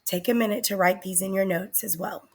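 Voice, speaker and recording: A woman teacher giving a recorded spelling lesson, speaking slowly and deliberately and sounding out words. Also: medium pitch, fairly even intonation.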